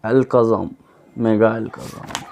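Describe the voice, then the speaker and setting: Young male YouTuber, slow and mellow, sounds out names one at a time, casual. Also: lowish voice, fairly even intonation, gravelly, a little hiss or hum. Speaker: YouTuber reading Pokémon names. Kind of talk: casual reading aloud to viewers.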